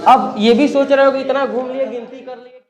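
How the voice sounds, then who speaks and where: High-voiced male teacher, echoey classroom. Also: steady tone, brisk, crowd noise. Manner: questioning, checks understanding often. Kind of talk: classroom lesson.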